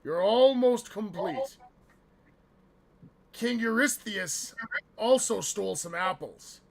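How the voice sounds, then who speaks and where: A booming god of the sky from a tabletop game, acted out by a man. He is commanding and stretches his words out slowly, with a creaky edge. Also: a crowd in the background, heavily acted, poor audio. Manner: booming, commanding, drawn-out delivery. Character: commanding male Greek sky god, Zeus.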